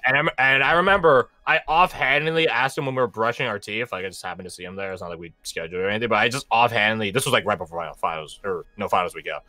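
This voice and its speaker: Young male game master, rambling storyteller, bright animated delivery over a dry call line with soft music. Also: fairly low pitch, racing, few pauses, no room sound. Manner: rambling storyteller, many fillers and restarts. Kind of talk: casual chat, running a tabletop game.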